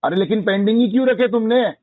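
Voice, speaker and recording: A man owing on a loan mocks the collector and picks a fight on a tinny phone line. His voice sits high and dry. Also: fast, no room sound. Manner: mocking, combative. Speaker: borrower being called.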